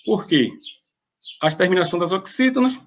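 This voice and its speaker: A man's voice: sits high, expressive, normal speed, slight background noise. A man teaching an online grammar lesson, explaining in a plain way and often restarting his sentences.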